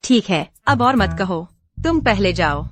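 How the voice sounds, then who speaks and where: An actress dubbing a young heiress in a drama, flustered and scolding. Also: female voice, medium pitch, sing-song, a little slow, soft background music. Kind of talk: dubbed drama dialogue.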